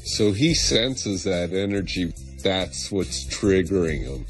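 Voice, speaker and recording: A man with a deep, low voice talks slowly and plainly about his dog. Faint music plays behind him. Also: animated. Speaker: dog owner. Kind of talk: TV reality show interview.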